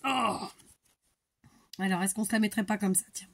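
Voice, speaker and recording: A woman's voice: medium pitch, normal speed, a bit bright. A woman hosting a crafting tutorial, chatting casually and thinking aloud, muttering to herself as she works.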